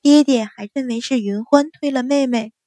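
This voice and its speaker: Woman playing a composed young daughter, calm, cool, faintly mocking, bright voice, dry sound. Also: sits high, normal speed, dry recording, close to an everyday voice.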